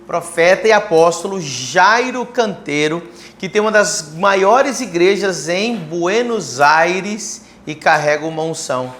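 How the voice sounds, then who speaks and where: A man's voice: high-pitched, animated, slow pace, a bit bright. A man pastor on a church livestream, enthusiastically promoting an event and talking at length. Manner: enthusiastic promoter, talks a lot.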